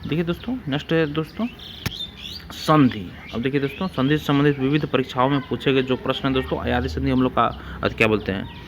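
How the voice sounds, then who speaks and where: A man's voice: medium pitch, fast talker, background noise. A man teaching an exam-prep grammar lesson, repeating rules and examples and calling his listeners friends.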